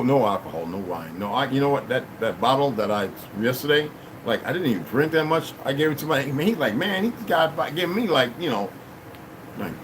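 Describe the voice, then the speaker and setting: On a rough recording, a mid-range male voice belongs to a livestream host in a room at home. He chats casually and drifts from topic to topic, thanking donors and often asking "you know what I mean," as an air conditioner hums steadily.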